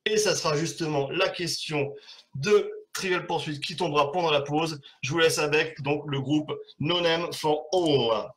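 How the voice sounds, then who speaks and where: Man, live show host, slightly high voice, rambling, joking, hesitant. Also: measured pace. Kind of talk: casual live-stream hosting.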